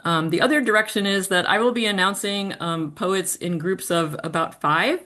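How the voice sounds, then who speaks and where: A woman's voice: mid-range voice, normal speed, bright, forceful tone. A woman hosting a virtual poetry reading from home over a video call, giving polite, orderly instructions with frequent ums. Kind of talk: organized welcome and event instructions. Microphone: computer mic on a video call.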